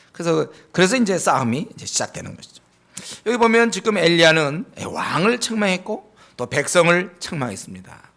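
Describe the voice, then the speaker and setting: Gravelly, animated pastor preaching. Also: male voice, a little high. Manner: acts out scolding himself in a raised voice; repeats "예" and "여러분" often, addressing the congregation. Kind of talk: sermon.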